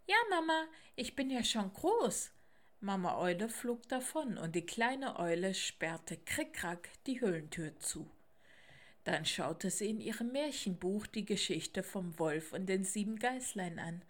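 A woman reading a children's storybook aloud in an expressive, unhurried way. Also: medium pitch.

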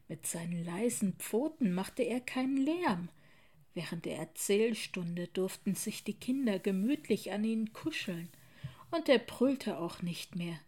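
Slow, expressive woman reading a story. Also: mid-range voice. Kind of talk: children's story read aloud.

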